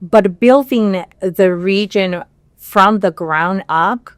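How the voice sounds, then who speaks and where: A woman from Peru speaks as a podcast guest at a middle pitch. She talks in a measured way, with pauses and fillers. The sound is dry and close. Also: no room sound. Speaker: podcast guest, regional director. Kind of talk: interview conversation.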